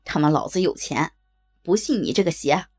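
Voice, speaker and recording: A woman's voice: low voice, lively intonation, moderate pace, a little mellow, voice pushed down. A woman voicing a crude, balding, fat male boss who wheedles and blusters coarsely. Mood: blustering. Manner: coarse, pleading, swaggering.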